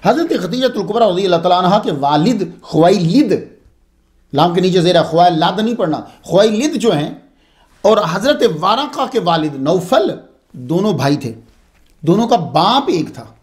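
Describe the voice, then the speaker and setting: A man's voice: sits high, moderate pace. A man giving a religious history lecture, telling it expressively with frequent asides. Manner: expressive, digressive storytelling with asides.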